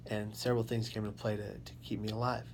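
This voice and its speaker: A man telling his own story as an interview guest, in deliberate, dramatic short phrases that he repeats for emphasis. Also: on the low side, level tone. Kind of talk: personal testimony in an interview. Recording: faint background noise.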